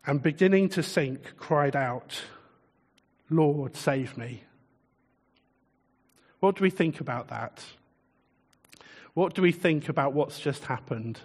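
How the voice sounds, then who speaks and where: A man preaching a sermon in a relaxed, conversational way, chuckling often and putting questions to his listeners. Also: on the high side, a little slow, husky, long reverb tail.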